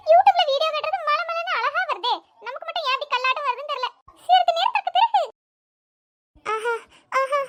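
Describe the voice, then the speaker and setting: A woman playing a very high-voiced cartoon daughter-in-law, bright, eager, giggly. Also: heavily acted. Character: clumsy young daughter-in-law, proud home cook. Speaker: cartoon voice actor. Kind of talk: cartoon comedy voice acting.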